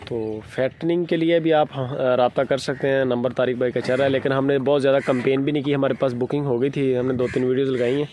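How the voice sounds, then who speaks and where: A man's voice: medium pitch, flat delivery, quick pace, few pauses, a little mellow. Man, thirties, Pakistani Urdu accent, chatty farm commentary, outdoor pens, faint background noise. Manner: chatty, narrating while walking around livestock. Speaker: cattle farm presenter. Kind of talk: casual on-site commentary.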